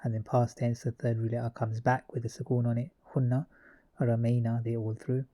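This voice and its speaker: A man's voice: mid-range voice, fairly quick. A man teaching a grammar lesson, methodically reciting verb conjugations one form after another. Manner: methodical, reciting verb forms in a steady list.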